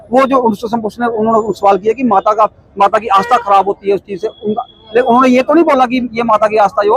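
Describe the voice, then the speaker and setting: Fervent high-voiced man, husky and fast. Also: low-quality recording. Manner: fervent, rhetorical questions, repeats himself. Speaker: protest committee member. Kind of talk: impassioned phone-in statement.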